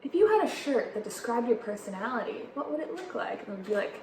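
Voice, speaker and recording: A woman's voice: fairly high pitch, sing-song, quick pace. A young woman co-hosting a casual comedy chat, giggly and rambling with lots of fillers. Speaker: co-host. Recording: echoey room with faint noise.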